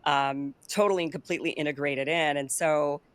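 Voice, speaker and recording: This woman hosts a political talk show, chatting loosely and opinionatedly about politics and laughing easily. Her voice is low with a steady tone, her delivery a little fast, and the recording has no room sound.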